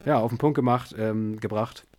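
A man's fairly even, slightly mellow voice moves at a moderate pace as he hosts a podcast while suffering a headache. Tired and low-key, he chats casually and rambles with lots of fillers, recorded over a remote call via bot.

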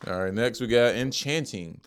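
A man's voice: medium pitch, normal speed. A man co-hosting a casual show, reacting to music videos with loose, profane banter and laughter. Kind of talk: casual chat.

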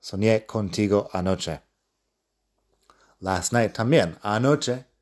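Slow, low-voiced male podcast teacher. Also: a little mellow. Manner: slow, explains and repeats example phrases. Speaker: podcast host and English teacher. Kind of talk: casual podcast lesson.

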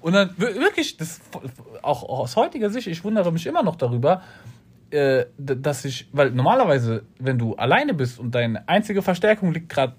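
A man in casual chat, telling an animated story full of street-slang fillers. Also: on the high side, normal speed, breathy edge.

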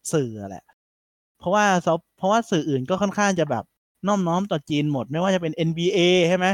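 A man hosting a casual podcast chat, retelling things in an animated way with lots of fillers. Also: fairly high pitch, no echo, clean studio sound. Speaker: podcast host.

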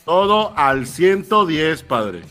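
A man's voice: a little high, big pitch swings, takes it slowly, sharp tone, faint music behind. A man with a Mexican accent hosting a podcast in casual, slangy conversation. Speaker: podcast host. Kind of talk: casual chat.

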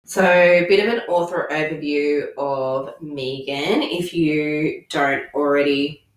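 A woman co-hosting a podcast in casual book review chat, her voice croaky with creaky starts. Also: deep voice, takes it slowly, distant mic. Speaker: podcast co-host. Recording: echoey room, off the mic.

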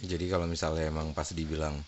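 A man's voice: little pitch movement, fast, slight background noise. A man co-hosting a podcast, chatting casually and playfully, often acting out quotes. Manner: playful, acts out quotes in a high voice. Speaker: podcast co-host. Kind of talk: casual chat.

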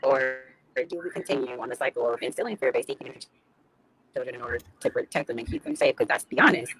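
A woman's voice: rumbling low, lively intonation, fast talker, noisy background. A woman speaking as a panel guest over a remote call. Her audio cuts in and out, and she talks thoughtfully, restarting phrases and asking rhetorical questions. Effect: call audio cutting in and out. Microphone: remote call connection.

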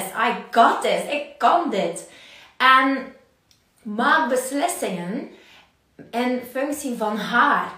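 Flemish woman, motivational livestreamer, high bright voice, distant and reverberant. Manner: energetic, acts out inner voices, laughs often. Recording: very echoey room, mic at a distance.

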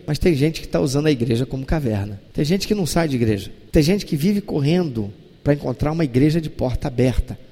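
A man preaching a sermon in a church, dramatic and animated, acting out scenes as he talks. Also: on the high side, fast, big-room sound. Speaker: pastor.

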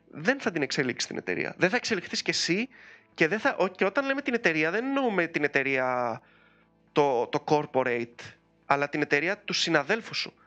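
Male podcast host, higher-pitched, bright and forceful tone, chatty and animated, faint music underneath. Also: highs cut off. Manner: chatty and animated, with frequent fillers. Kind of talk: casual chat.

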